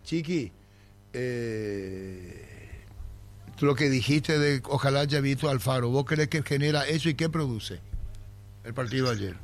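Man hosting sports radio, mid-pitched, joking with guests. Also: a little slow, long pauses. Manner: teasing, banters with guests. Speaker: radio sports show host. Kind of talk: casual sports radio chat.

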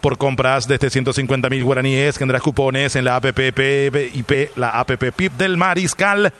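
A man reading radio commercials in a polished, salesy style, slowing down for the taglines. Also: mid-range voice, fairly even intonation, a bit bright. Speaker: commercial announcer. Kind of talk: scripted radio ad reads.

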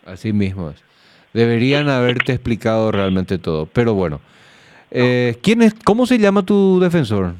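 A man hosting a radio interview, calm and measured, explaining at length. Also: medium pitch, a little hiss or hum. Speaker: radio host.

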